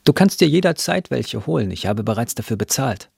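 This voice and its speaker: A man reading the part of a gentle, caring bearded artist who asks soft questions. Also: medium pitch, sing-song, fairly quick, vocal fry, husky, dry recording, clean studio sound, full character voice.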